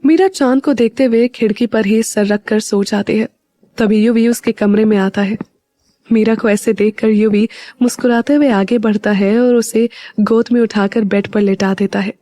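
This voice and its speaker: A woman narrating a scripted audio story in a steady storytelling manner. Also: a little high, normal speed, dry recording.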